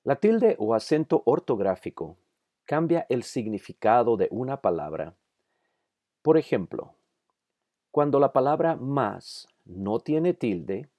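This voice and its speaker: A man delivers a scripted grammar lesson at a very slow, measured pace, lingering on each example word. His voice sits low and mellow. The recording is dry and close, with no room sound. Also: no echo. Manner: slow, careful, over-articulated example words. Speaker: Bible institute instructor. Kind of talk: scripted instructional narration.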